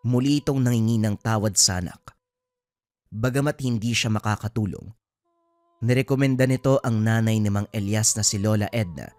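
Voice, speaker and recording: A man narrating a horror story in a steady, solemn storytelling manner. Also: on the low side, moderate pace, no echo.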